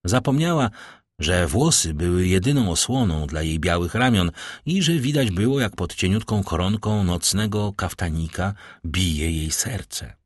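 A man narrating a classic novel as an audiobook, reading in a measured, dramatic way. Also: low-pitched, lively intonation, slightly rough, dry recording, studio quality.

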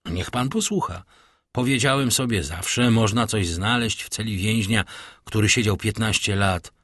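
A man voicing a humble, eager, talkative old prison doorkeeper with a servile, deferential manner and a husky voice. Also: fairly low pitch, normal speed, a bit bright, dry recording, clean studio sound.

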